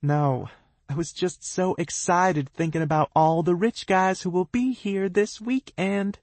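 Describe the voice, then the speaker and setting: A woman's voice: lowish voice, unhurried, a little mellow, no echo, voice pushed up, natural voice. A man voicing a catty, scheming young woman who talks in a sing-song, crowing way. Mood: sing-song smug.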